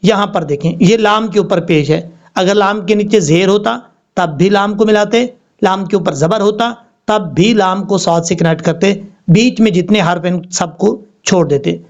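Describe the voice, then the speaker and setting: A man teaching tajweed, explaining letter by letter and then chanting each word slowly and drawn out. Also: high-pitched, highs cut off. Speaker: Quran recitation teacher. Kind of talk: tajweed lesson with slow drawn-out recitation.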